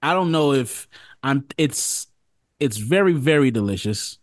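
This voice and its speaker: A man co-hosting a casual podcast, animated and quick to hype and laugh. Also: mid-range voice, no room sound, studio quality. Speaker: podcast co-host.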